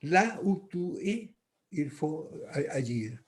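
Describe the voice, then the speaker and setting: A man from Latin America offers reflections in a slightly high voice. His native Spanish gives his French a clear foreign accent. He speaks slowly and haltingly, circling back over phrases while he looks for the right word. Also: big pitch swings. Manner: halting, searching for words in non-native French, with frequent repetition. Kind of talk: reflective spoken response at a church workshop.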